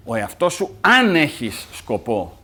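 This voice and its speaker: A man's voice: on the high side, huge pitch swings, pushed and bright, husky. A man speaking at a literary event, explaining a play in an explanatory way with small restarts. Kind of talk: talk about a play.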